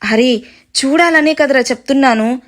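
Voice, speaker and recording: A woman's voice: high-pitched, normal speed. A woman reading the lines of a spirited, bossy young woman who teases and lectures. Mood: scheming. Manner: lively, teasing, lecturing.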